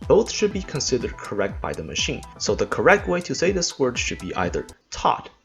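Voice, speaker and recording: A man's voice: medium pitch, wildly swooping pitch, a little fast, creaky, fairly bright tone, soft background music. A man explaining English test pronunciation rules in a scripted lesson, with dry jokey asides.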